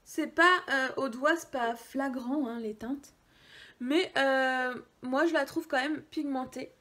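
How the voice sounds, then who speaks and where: A woman with a high, light voice talks through a makeup haul in a relaxed, chatty way. She hesitates with many pauses and now and then drops her voice to near-whispered asides. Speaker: beauty vlogger. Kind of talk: casual makeup haul video.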